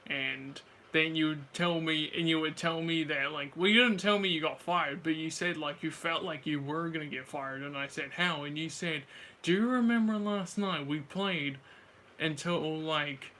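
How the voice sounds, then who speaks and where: A man's voice: a little high, bright, forceful tone, slight background noise. A man chatting casually with a friend about everyday things, in slangy, informal speech. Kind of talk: casual chat.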